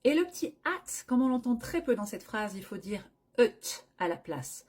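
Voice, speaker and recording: Breathy woman teaching English. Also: fairly high pitch, sing-song, normal speed, darkish tone. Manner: explains pronunciation step by step, acts out short travel scenes. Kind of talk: language lesson.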